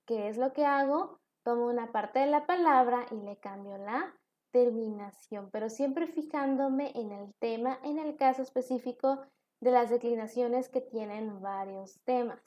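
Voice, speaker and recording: A woman's voice: on the high side, measured pace, dull audio. A woman teacher giving a recorded online class, explaining step by step with examples.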